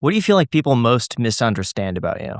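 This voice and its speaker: A man's voice: medium pitch, very animated, fast talker, no echo, studio quality. A man hosting a podcast, reading a scripted sponsor segment and asking questions. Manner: smooth, scripted sponsor delivery. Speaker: podcast host. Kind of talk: podcast ad read and interviewing.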